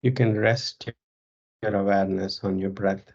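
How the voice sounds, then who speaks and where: Speaking very slowly in a deep, creaky voice heavy with vocal fry, a yoga teacher guides a meditation. She keeps things calm and measured, with short phrases separated by pauses. The audio sounds somewhat dull and muffled.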